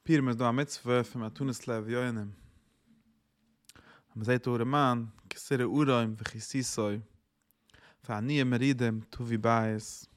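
A man delivering a Torah sermon, his voice sitting at an ordinary middle pitch for a man. He preaches earnestly in a singsong cadence that swells when he quotes scripture. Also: fairly even intonation, a little slow, pauses often. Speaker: rabbi giving a Torah talk.

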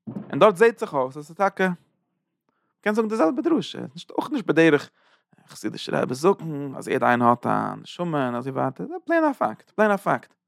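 Man, Torah sermon, sing-song chanting, repeats phrases for emphasis, gravelly, dry close sound. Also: fairly high pitch, big pitch swings, brisk, no room sound. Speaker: preacher giving a Torah talk.

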